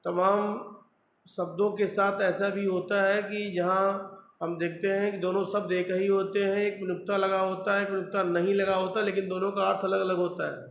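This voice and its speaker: A man's voice: high voice, level tone, moderate pace. A male school teacher patiently explaining a language lesson step by step, often checking in with his students. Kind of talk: classroom lesson video. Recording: echoey room with faint background noise.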